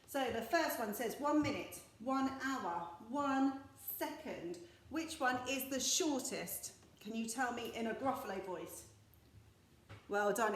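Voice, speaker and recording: A woman teaching a recorded maths lesson to young children, bright and encouraging with lots of praise. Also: a little high, echoey room, slight background noise. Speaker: primary school teacher. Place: classroom.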